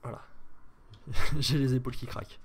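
A man's voice: mid-range voice, fairly even intonation, normal speed, a little hiss or hum. Joking Frenchman rambling over his gameplay. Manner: rambling, joking, thinking aloud. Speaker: gaming streamer. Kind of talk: casual gameplay commentary.

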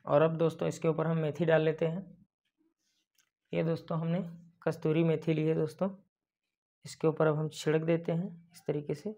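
This young man's fairly high, warm voice stays flat at a normal pace with long pauses as he voices over a baking tutorial. Hosting his cooking channel, he guides viewers through each step, often calling them friends; the lapel-mic audio is dull and lo-fi.

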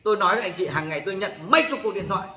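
Male host, high bright voice, blunt scolding rant full of swearing, echoey room. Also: racing. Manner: acts out callers in quoted exchanges. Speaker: channel host warning about loan scams. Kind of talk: ranting monologue to viewers.

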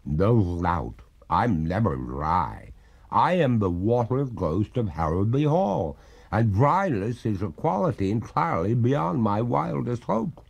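A man voicing a haughty female water ghost, two hundred years dead, speaking in a slow, gurgling, reproachful way. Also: fairly low pitch, sing-song, vocal fry, breathy edge, muffled recording, full character voice. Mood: mournful. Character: haughty drowned maiden ghost, two centuries old.

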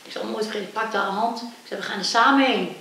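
A young adult woman, a kickboxer, tells her personal story in an interview and acts out the voices she quotes with lively energy. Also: medium pitch, quick pace, distant mic. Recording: echoey room, voice from off-mic, faint hiss.

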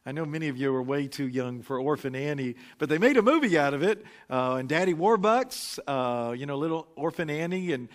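A man preaching a relaxed, anecdotal sermon into a pulpit microphone, pausing often with fillers. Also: on the high side. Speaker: pastor. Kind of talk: conversational sermon. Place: church sanctuary.

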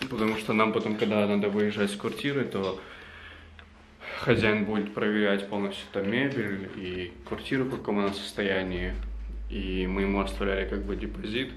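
A man's voice: on the low side, fairly even intonation, moderate pace. A man in his twenties chatting casually to the camera as a vlogger in an apartment room. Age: 20s. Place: small apartment room, indoors. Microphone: camera at arm's length. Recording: noisy handheld camera audio, room ambience.

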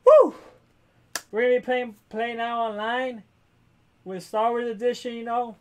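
A young man giving excited gameplay commentary as a YouTuber, yelling at the game and talking from inside a costume helmet. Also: very high-pitched, moderate pace, a little hiss or hum. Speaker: gaming YouTuber.

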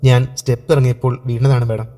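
A man's voice: mid-range voice, level tone, lightly acted. A man doing a frightened young wife. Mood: fearful, subdued. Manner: soft, subdued, halting.

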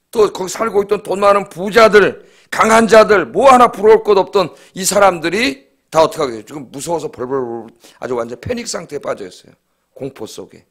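A middle-aged male pastor delivering a dawn sermon with a somewhat high voice. He preaches emphatically and keeps checking in with the congregation through quick rhetorical prompts. He is heard in a church sanctuary. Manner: emphatic, asks the congregation "예?" often.

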